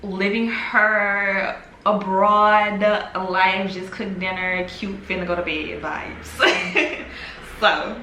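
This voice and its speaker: A woman in her twenties, talking to the camera in a casual, reflective vlog, musing slowly and trailing off with fillers at home. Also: mid-range voice, steady tone, bright, forceful tone, a little hiss or hum. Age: 20s. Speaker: vlogger. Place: home, in the evening. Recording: echoey room with faint ambience.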